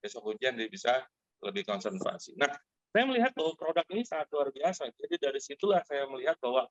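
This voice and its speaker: A middle-aged man hosting a Zoom meeting, telling a lively personal product story to friends in a casual way with many fillers. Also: mid-range voice, fast, no room sound. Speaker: Zoom meeting host giving a product testimonial. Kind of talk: casual spoken testimonial to an online group. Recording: dry, dull lo-fi video call audio.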